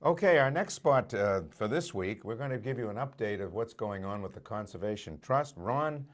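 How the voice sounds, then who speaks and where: A man's voice: on the low side, lively intonation, moderate pace. A man co-hosting a local program, presenting and chatting casually. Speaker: program co-host.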